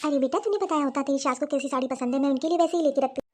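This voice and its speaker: A humble, kind-hearted older mother from a cartoon story, voiced by a woman. Her high voice is soft and accommodating, eager to please. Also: very fast, slight background noise, natural voice. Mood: gentle.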